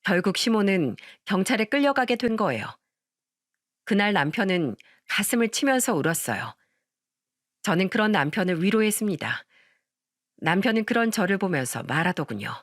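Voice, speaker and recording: A woman narrates a dramatized radio story like she is chatting with a friend. Her pitch rises and falls in a lively way. The recording is dry and close to the mic. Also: normal speed, dry recording. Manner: expressive, conversational.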